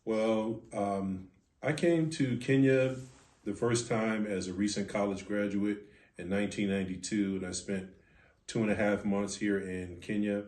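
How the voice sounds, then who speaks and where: Appearing as a podcast guest, a ministry's board president, an American man in his fifties from Philadelphia, answers interview questions through personal storytelling. He speaks low, with fairly even intonation and a darkish tone, measured and reflective with deliberate pauses, in a reverberant, echoey room.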